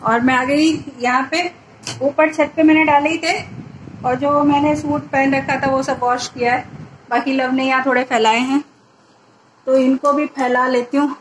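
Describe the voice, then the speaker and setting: A woman's voice: high-pitched, steady tone, moderate pace, a little hiss or hum. A woman in her thirties vlogging about her housework in a casual, chatty way, explaining each chore step by step. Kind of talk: casual home vlog narration.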